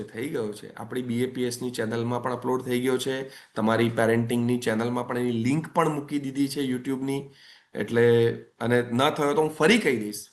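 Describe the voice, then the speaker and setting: A man giving a parenting webinar talk, conversational and coaxing, repeating phrases for emphasis. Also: medium pitch. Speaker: parenting coach.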